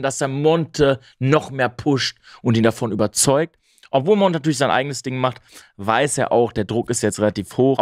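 A young male gaming streamer from Berlin, Germany, chats mid-match in a mid-range voice. He's chatty and enthusiastic, full of rambling asides, playing in a small home room at his gaming setup with headphones on and a studio mic on a boom arm.

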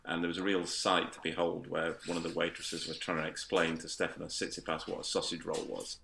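A man's voice: deep voice, little pitch movement, fairly quick, gravelly, fairly bright tone, a little hiss or hum. A man with a Yorkshire accent telling stories in a dry, matter-of-fact way in casual podcast chat. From Yorkshire, England. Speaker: tennis coach and podcast panelist.

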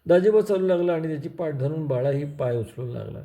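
Mellow-voiced man reading a story. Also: fairly high pitch, expressive, a little fast.

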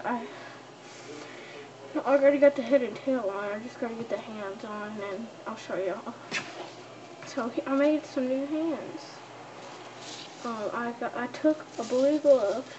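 A young woman speaking through a costume head, showing off her homemade fursuit in a halting, casual vlog full of restarts and fillers. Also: high-pitched, fairly even intonation, muffled recording. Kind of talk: casual show-and-tell vlog. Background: televised baseball game crowd noise.

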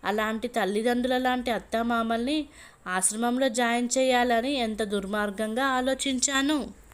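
A woman's voice: a little high, steady tone, moderate pace, smooth, natural voice. A woman reading as a remorseful young wife. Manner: soft, pleading, sorrowful.

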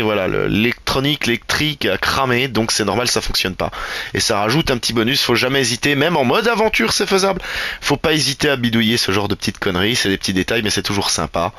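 A man's voice: medium pitch, bright, forceful tone, dry recording. A man rambling through a tour of his game build, with sarcastic asides. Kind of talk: casual gameplay commentary.

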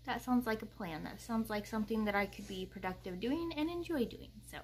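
A woman's voice: fairly high pitch, animated, brisk, a little hiss or hum. A woman in her thirties chatting casually to the camera from her home kitchen, rambling with many fillers. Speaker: vlogger.

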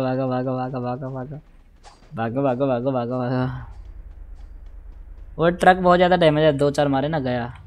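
A man doing live gameplay commentary, talking straight to his viewers, repeating words in quick bursts and humming la-la while he plays. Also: medium pitch. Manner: excitable, repeats words in rapid bursts, hums la-la while playing; talks directly to viewers, asking for follows and shares. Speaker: gaming livestreamer.

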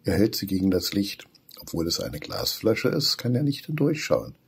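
A man reading a children's story aloud as storyteller, in an expressive, animated way. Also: low voice, moderate pace, gravelly, husky.

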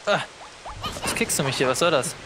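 Man, casual co-op gamer, slightly high voice, noisy mic. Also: animated, a little fast. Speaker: game streamer. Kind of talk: casual co-op gameplay chat.

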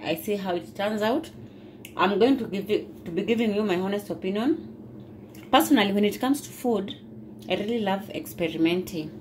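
A woman narrates her cooking in a relaxed, chatty way and often turns to ask her viewers questions. Her voice sits at an ordinary middle pitch. Frying and sizzling from the pan come through clearly behind her. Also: slight background noise, poor audio. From Kenya. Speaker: cooking vlogger. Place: home kitchen.

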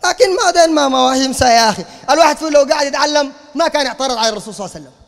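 A man's voice: very high voice, rapid-fire, gravelly, in a large hall. A man with a Sudanese Arabic accent, giving a heated religious lecture in a combative, mocking, lecturing tone. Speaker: preacher.

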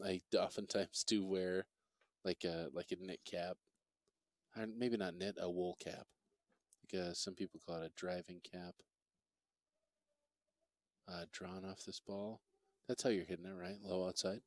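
A man giving relaxed, chatty commentary on a pool match, reading out viewer comments as he goes. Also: sits low, unhurried, long pauses, no room sound. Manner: easygoing, chatty, reads viewer chat aloud. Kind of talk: relaxed live play-by-play commentary.

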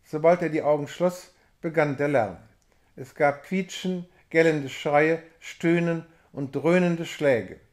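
A man reading a religious biography aloud in a measured, expressive storytelling manner. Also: fairly high pitch. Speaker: reader of a book.

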